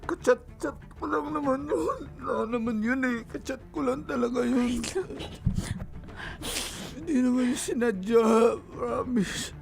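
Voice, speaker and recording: A high, gravelly-voiced remorseful boyfriend. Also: male voice, unhurried, faint music behind, full character voice. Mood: sobbing. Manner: pleading, apologetic, sobbing. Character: young man confessing he got another woman pregnant, remorseful. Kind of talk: radio drama acting.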